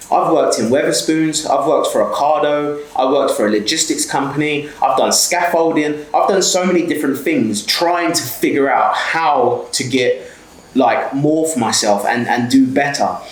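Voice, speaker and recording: In an echoey room and on a low-quality recording, a man from South London in his twenties speaks at normal speed with a voice on the high side. A small business owner and mentor, he motivates bluntly to camera, swearing a lot and repeatedly asking "okay?".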